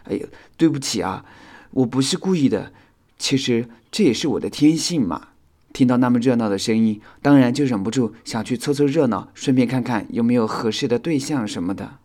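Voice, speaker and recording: A man's voice: medium pitch, animated, a little fast, dark tone, lightly acted. A man voicing a clumsy, sulky male insect in a children's audio storybook, talking in a whiny, apologetic way.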